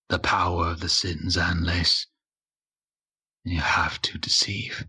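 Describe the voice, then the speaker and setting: A man voicing Deceit, a raspy ancient temptress. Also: low-pitched, sharp tone, exaggerated voice. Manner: slow, solemn, tempting speech. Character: ancient female spirit of deceit, cold and tempting. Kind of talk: tabletop game role-play.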